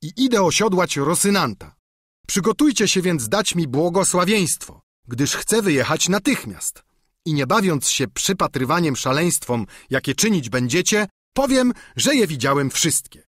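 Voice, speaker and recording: Heard in a lively, dry storybook reading, a simple peasant squire rattles on eagerly in a raised, bouncy voice, as a man puts him on. He is folksy and chatty, all plain talk. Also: on the high side, moderate pace, slightly rough, no echo, pitched above the performer's own voice, full character voice. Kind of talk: audiobook character reading.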